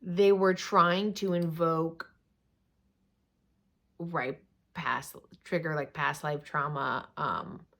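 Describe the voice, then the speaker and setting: A young woman with a slightly low voice tells a personal story, chatty and animated. She rambles through fillers and quick asides in a loose, casual vlog delivery. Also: creaky. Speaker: vlogger telling a personal story.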